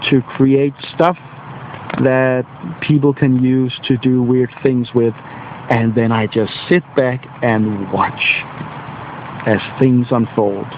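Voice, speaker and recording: This medium-pitched Danish man, a teacher and video blogger, has a Danish accent and a slight cold. Outdoors on a wet bench in nature, he talks casually in a rambling, self-deprecating way, groping for English words, captured in phone-quality audio with a little hiss or hum.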